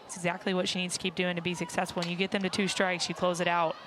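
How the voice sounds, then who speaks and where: A woman giving explanatory color commentary on a live softball game. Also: fairly low pitch, level tone, very fast. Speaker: color analyst. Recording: noisy stadium crowd behind commentary. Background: crowd and outdoor ballpark noise.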